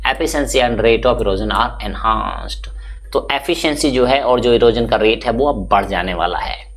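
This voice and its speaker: Man explaining a textbook chapter. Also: medium pitch. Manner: reads English lines slowly, then explains quickly in Hindi; chatty teaching with frequent "bhai" and check-ins. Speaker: teacher. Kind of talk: Hindi-English exam-answer explanation.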